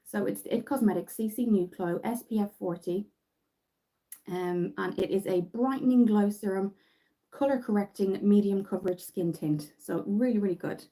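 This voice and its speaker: Irish woman, casual home makeup livestream, warm, rambling, chatty. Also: mid-range voice, moderate pace, poor audio. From Ireland. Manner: chatty, rambling, many fillers and restarts. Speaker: makeup vlogger. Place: bedroom at home.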